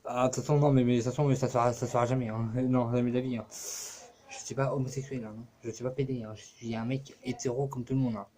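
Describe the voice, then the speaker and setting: Fast-talking and slightly mellow, this YouTuber keeps his medium pitch fairly level as he rambles casually to his camera for his own channel. He curses and uses many fillers, and there is a little background noise.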